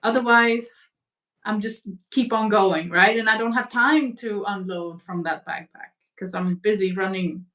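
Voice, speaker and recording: A woman in a spiritual conversation, speaking reflectively and gently, over a video call. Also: medium pitch, measured pace, recorded from a distance. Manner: reflective, gentle, uses imagery. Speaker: guest.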